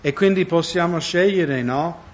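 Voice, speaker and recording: Male preacher, conversational sermon, slightly high voice, dull lo-fi sound. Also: unhurried. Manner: conversational, asks the audience questions. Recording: dull lo-fi recording.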